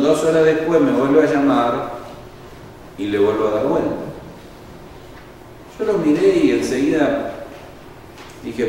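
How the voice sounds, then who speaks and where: A man delivers a sermon in a mid-pitched voice, emphatic and pleading by turns. The mic sits some way off in a church sanctuary, so his words ring with long reverb. A faint room hum stays underneath. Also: a little mellow. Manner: emphatic, rising to fervent appeals. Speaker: preacher. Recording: echoey hall, mic at a distance.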